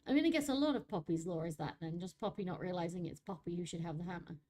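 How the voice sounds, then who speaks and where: Chatty woman streamer, mellow voice. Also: lowish voice, fast. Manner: chatty, joking, laughs often, internet slang. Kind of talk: casual lore reading and chat on stream.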